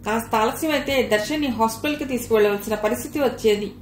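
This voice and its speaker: A woman's voice: on the high side, fast, natural voice. A woman voicing a stern middle-aged mother who scolds sharply, in a roomy recording. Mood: scolding. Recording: roomy recording, faint hiss.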